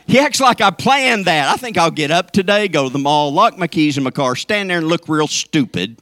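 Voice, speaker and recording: A man's voice: on the high side, animated, moderate pace, fairly bright tone, no echo, studio quality. A man preaching a sermon to his congregation, folksy and joking, swinging up into emphatic peaks. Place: church sanctuary.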